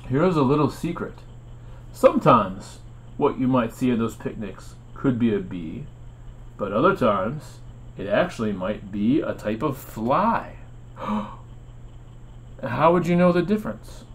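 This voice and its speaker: A man hosting an educational explainer about insects, playful and theatrical. He poses dramatic questions, chuckles often and pauses on fillers at a middle pitch. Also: big pitch swings. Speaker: host.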